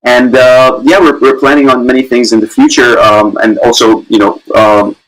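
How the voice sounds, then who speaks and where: A man's voice: mid-range voice, little pitch movement, moderate pace, fairly bright tone, poor audio. A man from Syria, an actor and guest, answering casually with many fillers and easy laughs.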